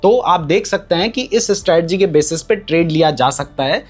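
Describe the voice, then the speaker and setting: A trading educator walks through a strategy in a chart tutorial, pointing things out on screen and mixing English terms into his Hindi. His voice is a little high, animated and brisk, with faint music behind it.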